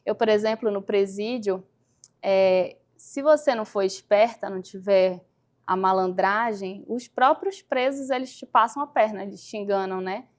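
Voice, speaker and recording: A woman's voice: mid-range voice, normal speed. A woman with a Brazilian accent, a lawyer being interviewed, speaking firmly and bluntly as she tells stories from her work. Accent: Brazilian Portuguese. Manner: firm, blunt storytelling with acted-out quotes. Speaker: lawyer guest. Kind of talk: casual interview talk.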